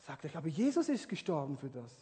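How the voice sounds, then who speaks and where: A man preaching a sermon, swinging from hushed, quiet passages to loud, impassioned ones. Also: a little high, very animated, fast. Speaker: pastor. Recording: hall reverb.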